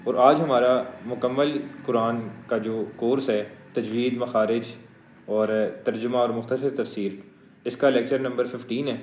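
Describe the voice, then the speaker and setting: A man with a medium-pitched, slightly mellow voice teaches a Quran recitation lesson. He moves between slow, melodic chanting of verses and brisk spoken explanations of pronunciation rules. The audio is echoey, dull and lo-fi.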